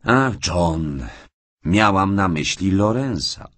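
A man reading an audiobook and voicing a shy, tearful young orphaned woman in a raised, soft voice. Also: low-pitched, expressive, slow, dry recording, heavily acted. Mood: hurt, tearful.

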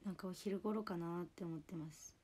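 Husky-voiced young woman with a Toyama accent. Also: on the low side, normal speed, a little mellow. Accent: Toyama dialect. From Toyama, Japan. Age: 20s. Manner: chatty, apologetic. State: husky, lowered voice. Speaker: idol livestreamer. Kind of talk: casual livestream chat.

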